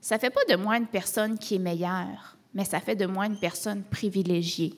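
Québécois woman pastor, conversational sermon, rhetorical questions, mid-pitched. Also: fairly even intonation, moderate pace. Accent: Québécois French. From Canada. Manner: conversational preaching with rhetorical questions and frequent tags like "hein" and "là".

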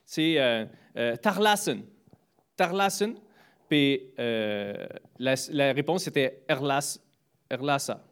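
A man speaks slowly in a clean, medium-pitched voice, casually telling stories about greetings and good manners. He's hesitant, full of fillers and restarts, yet animated, his voice jumping up whenever he quotes a phrase.

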